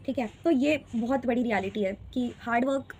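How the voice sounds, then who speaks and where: A woman's voice: fairly high pitch, moderate pace, dark tone, slight background noise. A woman in her twenties, talking earnestly and reflectively in a candid personal vlog, slipping English phrases into her speech. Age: 20s. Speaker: vlogger sharing exam experience.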